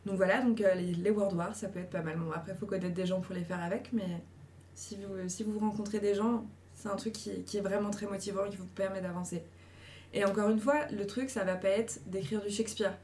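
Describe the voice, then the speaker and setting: A woman's voice: mid-range voice, fairly even intonation, fairly quick, a little mellow, a little hiss or hum. A woman casually giving viewers encouraging advice, chatty and full of fillers. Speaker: host giving writing advice.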